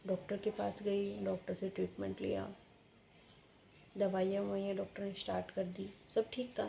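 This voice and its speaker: A young woman tells a personal story in a loose, rambling way and circles back to repeat her points. Her voice is mellow and soft-toned. Faint noise sits behind her. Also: medium pitch, level tone, normal speed, creaky. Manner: chatty, rambling, repeats herself for emphasis. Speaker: vlogger. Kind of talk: casual storytelling.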